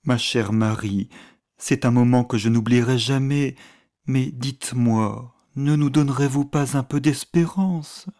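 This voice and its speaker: A man voicing a scheming, fawning prince who talks in a soft, wheedling way, in an audiobook reading. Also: mid-range voice, a little slow, natural voice. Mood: coaxing. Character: smooth, scheming middle-aged male prince, fawning.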